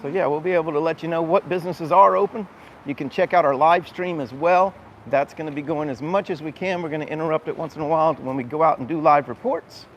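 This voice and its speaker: A fast-talking man with a voice on the high side guides listeners on a live walking tour, pointing things out in a chatty, explanatory manner. The recording is muffled and noisy, with urban street ambience.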